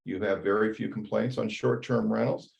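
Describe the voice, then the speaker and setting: A man in his seventies giving an earnest, halting public comment over a video call. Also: lowish voice, fairly even intonation, vocal fry, a little mellow, highs cut off. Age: 70s. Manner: halting, earnest, pressing to keep talking.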